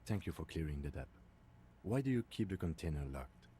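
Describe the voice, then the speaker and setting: An actor playing a calm, formal police lieutenant in a video game, measured and polite. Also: male voice, a bass voice, slight background noise. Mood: composed.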